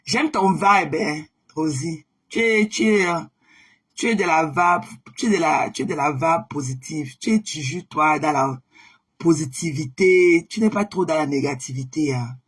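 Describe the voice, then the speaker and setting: A woman hosting a casual live stream, chatting warmly with viewers and greeting them by name, often repeating herself. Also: low voice, unhurried, husky. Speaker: livestream host.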